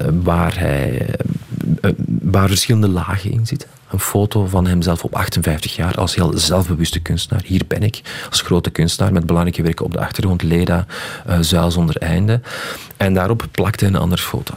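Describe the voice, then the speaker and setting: A man being interviewed on the radio, explaining an exhibition in a thoughtful, halting way with many fillers and restarts. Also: low-pitched, gravelly, a little mellow, husky. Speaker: festival artistic director, guest.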